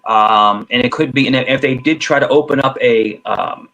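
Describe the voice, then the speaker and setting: A man chatting casually in a group, animated and repetitive, who often slips into put-on voices. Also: medium pitch, normal speed, dull audio, a little hiss or hum. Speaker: host.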